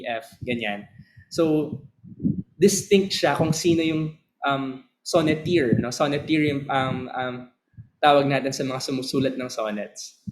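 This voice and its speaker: A man teaching a class, switching between Tagalog and English, often asking the students whether they follow and reading verse slowly. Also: medium pitch, low-quality recording. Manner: slow, drawn-out reading of verse lines. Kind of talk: lecture mixing Tagalog and English.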